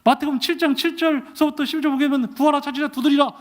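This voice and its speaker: A middle-aged man preaching a storytelling sermon, acting out his own prayers and God's replies with big swings between loud and hushed. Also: very high-pitched, steady tone, rapid-fire. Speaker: pastor and university president. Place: church sanctuary.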